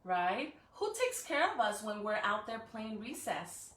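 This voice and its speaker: Speaking at a measured pace, this woman has a mid-range, sing-song voice with a fairly bright tone. As school staff running a read-aloud on a live stream, she addresses young children encouragingly, checking in often with "right?" and rhetorical questions, then reads a storybook. The mic is distant and the room echoes.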